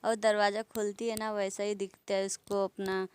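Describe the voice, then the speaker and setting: A woman's voice: mid-range voice, little pitch movement, moderate pace, darkish tone, a little hiss or hum. Chatty woman retelling an anime story. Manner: chatty, laughs along and speaks straight to viewers. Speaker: anime recap narrator. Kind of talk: casual spoken story retelling.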